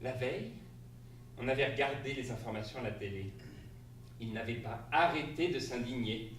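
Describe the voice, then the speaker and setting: A man's voice: medium pitch, expressive, moderate pace, lightly acted. A man on stage playing a flustered spouse who tells an absurd tale in a comic theatrical monologue. He delivers it in an exclamatory way and laughs through his lines. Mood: flustered, amused. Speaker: stage actor. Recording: echoey stage, distant mic, faint hiss.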